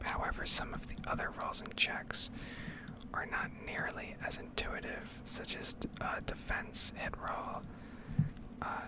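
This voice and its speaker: In a rough recording, a woman hosts an ASMR gaming video, whispering breathily and without voice throughout. Her explanations ramble along in an analytical fashion.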